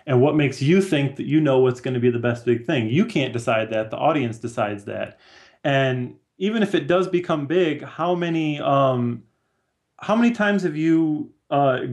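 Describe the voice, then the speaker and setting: A comics artist in his thirties chats casually as a guest on a video call from a small room at home or in an office, using headphones. His medium-pitched voice has a darkish tone and moves at normal speed.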